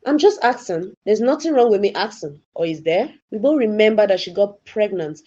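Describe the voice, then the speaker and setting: A woman's voice: mid-range voice, animated, fairly quick, warm tone, natural voice. A woman voicing a jealous young sister who makes snide, provoking remarks. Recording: dull lo-fi recording.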